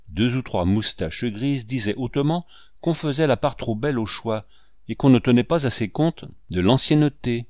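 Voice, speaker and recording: Man reading a novel with lively pitch. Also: no room sound, studio quality. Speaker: audiobook reader. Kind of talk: expressive literary narration.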